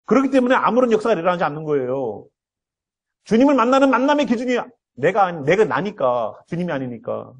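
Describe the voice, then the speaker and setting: Man, pastor, earnest sermon, breathy husky voice, a bit high-pitched. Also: sing-song, fast. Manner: earnest, acts out quoted voices.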